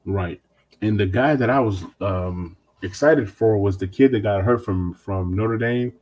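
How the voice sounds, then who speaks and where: A man hosts a laid-back sports podcast. His voice is husky and sits a bit low. He talks animatedly and sometimes throws on mocking voices to quote other people. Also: a little slow, darkish tone. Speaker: podcast host. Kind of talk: casual sports podcast chat.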